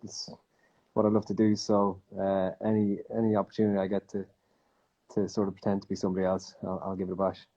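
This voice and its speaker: Mellow low-voiced man over a call. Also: monotone, quick pace, muffled recording. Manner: modest, friendly, easygoing. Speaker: voice actor guest. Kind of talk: relaxed interview answers.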